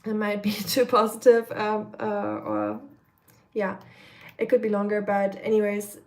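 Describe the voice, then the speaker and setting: A young woman from Germany cooks on a live stream and chats in a rambling way, full of fillers, reading out comments from chat. Her slightly nasal voice sits in the mid range, a little mellow, with lively intonation and a measured pace.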